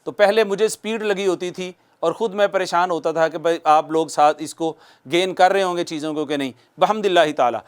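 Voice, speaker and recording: A man teaching a televised tajweed lesson. He recites verse words slowly and at length, has viewers repeat after him, and asks questions that he then answers himself. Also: high-pitched, clear, resonant tone. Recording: studio broadcast.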